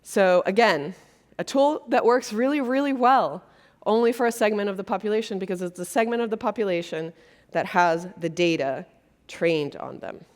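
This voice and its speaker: A Brazilian woman speaks from a conference stage as the keynote speaker, her voice mid-range and her speed normal. She talks to the audience in an earnest, conversational style with many fillers.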